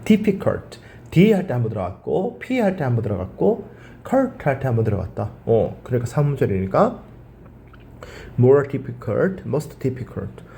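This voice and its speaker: A man's voice: mid-range voice, very animated, a little slow, vocal fry, warm tone, slight background noise. A male teacher giving a grammar lecture. He asks his class questions, answers them himself and drills the words by repeating them.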